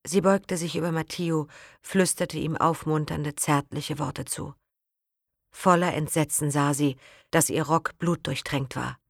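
Brief: woman audiobook narrator, low voice, dry close sound, measured dramatic reading. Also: steady tone, creaky, no echo.

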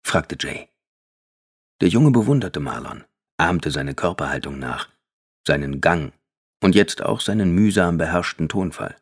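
A man reading a novel aloud as an audiobook narrator, in steady, measured scripted narration. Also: sits low.

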